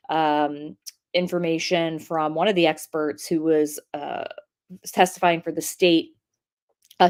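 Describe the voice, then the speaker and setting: A woman hosting a casual live stream on a trial, chatty and rambling, with many pauses and ums. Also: low voice, a little mellow. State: out of breath. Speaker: true crime commentator host.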